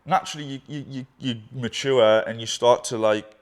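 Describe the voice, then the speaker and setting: A man's voice: mid-range voice, fairly even intonation, moderate pace. A young man in candid conversation with his business partner, rambling with many fillers and casual swearing.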